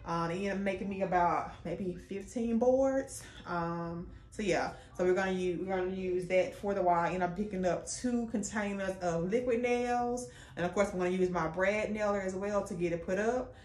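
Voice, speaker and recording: A woman's voice: medium pitch, fairly even intonation, normal speed, hardly any pauses, a little mellow. Woman vlogging in an echoey bare room. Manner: chatty, explains step by step. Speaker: DIY vlogger. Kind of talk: casual how-to vlog. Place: bedroom with the bed moved away.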